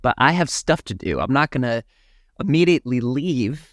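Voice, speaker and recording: A man's voice: mid-range voice, expressive, normal speed, dry recording, clean studio sound, close to an everyday voice. A man putting on the voice of a brash young adventurer, quoting him in a cocky, breezy way while retelling a film.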